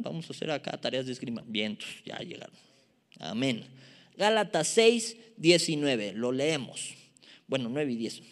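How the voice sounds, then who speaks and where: A Mexican man delivers a sermon in a notably high-pitched voice. He speaks informally, teases himself, and keeps turning to the congregation with rhetorical questions. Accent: Mexican Spanish. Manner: informal and self-deprecating. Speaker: preacher.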